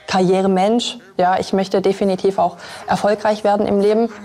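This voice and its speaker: A woman's voice: medium pitch, level tone, moderate pace, dark tone. A woman reality show contestant confidently introducing herself in an upbeat confessional interview. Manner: confident, upbeat self-presentation.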